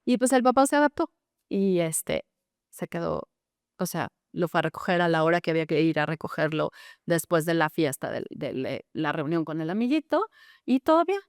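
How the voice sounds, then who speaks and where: A woman's voice: deep voice, very animated, normal speed, dry recording, clean studio sound. A middle-aged woman, a therapist telling her own story in an interview, earnest and full of tag questions. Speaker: gestalt therapist, guest.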